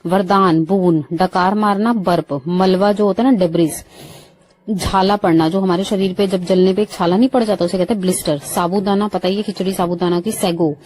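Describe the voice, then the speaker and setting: A woman's voice: fairly low pitch, fairly even intonation, normal speed, a little mellow. A woman with an Indian accent teaching English vocabulary, listing words and glossing each one in Hindi before giving the English. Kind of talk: vocabulary lesson.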